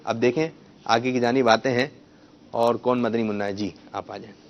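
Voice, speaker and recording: A man's voice: mid-range voice, steady tone, slight background noise. A man hosting a children's quiz show, coaxing the kids and correcting their pronunciation. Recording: muffled lo-fi broadcast sound.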